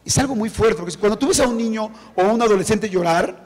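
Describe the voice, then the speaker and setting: Middle-aged man, author at a book launch, lively storyteller who mimics the people he quotes, fairly high voice, reverberant hall. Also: fast. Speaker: author presenting his book. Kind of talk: anecdotal talk at a book presentation. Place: event hall before an audience.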